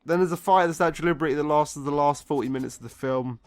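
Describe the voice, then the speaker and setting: A man's voice: a little high, fast, dry recording. A drunk man giving a casual, comedic film review, rambling off script, exasperated and swearing often. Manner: drunk, getting drunker, rambling and losing his thread.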